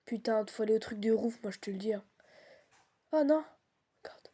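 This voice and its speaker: A woman plays a horror game and comments as she goes in loose, slangy chat. Her voice sits a bit high, with a soft, mellow tone and a husky edge. She reacts to the game casually, talking to a partner. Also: normal speed. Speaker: game streamer.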